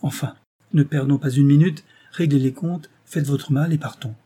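A man reading the part of a proud, impetuous young woman who speaks in sharp, commanding bursts. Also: on the high side, steady tone, normal speed, husky. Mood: impatient.

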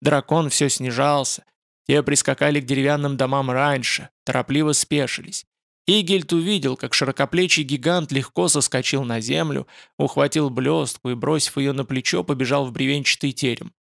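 A man narrating a fantasy novel as an audiobook in steady storytelling. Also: medium pitch, moderate pace, gravelly, no room sound, studio quality.

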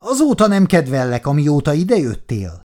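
A man voicing a hostile, sneering drunk colonist who hisses and shouts. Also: high-pitched, huge pitch swings, breathy edge, voice pushed up, exaggerated voice. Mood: menacing. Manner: hissing, shouting, mocking.

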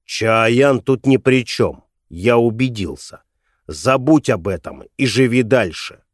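A man's voice: medium pitch, takes it slowly, dry recording, studio quality, natural voice. A man voicing a troubled middle-aged father who questions his son hesitantly and carefully in an audiobook. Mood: weary.

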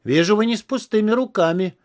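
A man's voice: sits high, brisk, voice pushed up, natural voice. A man voicing a brash bull-headed male detective who teases and grows weary. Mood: teasing. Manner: jovial, teasing, then weary.

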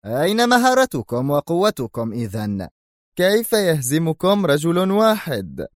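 Man doing a raging mafia don, slow heavy shouting, dry close recording, audiobook villain. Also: on the low side, big pitch swings, no echo. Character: furious Italian mafia boss, older man. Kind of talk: audiobook character voice.

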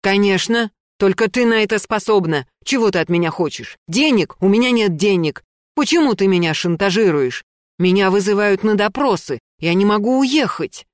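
A woman reading an audiobook, voicing a furious, paranoid man who shouts accusations. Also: high voice, lively intonation, moderate pace, no echo, clean studio sound. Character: furious paranoid ex-husband, middle-aged man.

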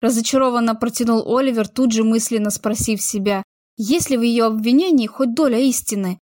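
A woman narrating a romance novel as an audiobook, in a steady, expressive storytelling manner. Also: fairly high pitch, a little fast, no room sound, clean studio sound.

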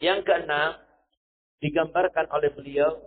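High-voiced man preaching, tinny recording. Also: fairly even intonation, measured pace. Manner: stresses points with repeated "ya", quotes Arabic scripture. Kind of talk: sermon.

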